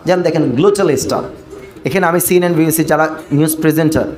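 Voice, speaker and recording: Brief: emphatic male trainer, slightly high voice, leading drills, reverberant hall with a crowd present. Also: fast, a little mellow. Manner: drills words aloud and has the audience repeat them; emphatic, repeats key points. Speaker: English pronunciation trainer at a teachers' workshop. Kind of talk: workshop lecture. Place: workshop hall with an audience. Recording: echoey hall with audience.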